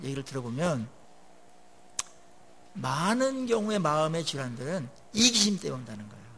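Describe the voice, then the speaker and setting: A male pastor delivers a sermon with a high, very lively voice that climbs on emphatic points and sinks low at phrase ends. His tone has a gravelly edge, and he often turns to the congregation with questions. Faint room ambience hangs behind him. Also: slight background noise. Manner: conversational preaching with rhetorical questions to the congregation; swings between rising emphatic peaks and low dropped phrase endings.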